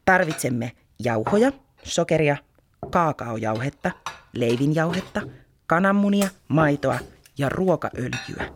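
A woman reading a children's story aloud in an expressive, animated way. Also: low voice, slight background noise.

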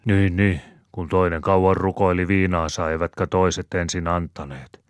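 A man's voice: low voice, steady tone, no room sound, clean studio sound, lightly acted. A man voicing a bawdy, sly old rustic storyteller who spins his yarn with folksy chuckles. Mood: yarn-spinning.

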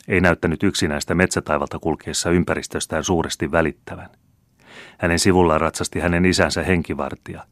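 A man narrating a classic novel as an audiobook, reading in a measured, steady way. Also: rumbling low, no echo, studio quality.

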